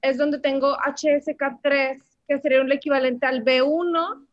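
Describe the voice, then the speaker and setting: A woman in her twenties with a Mexican Spanish accent, a language teacher, gives casual interview answers about her story with lots of fillers. Her voice sits high with a steady tone at normal speed. The recording has no echo, but the highs are cut off.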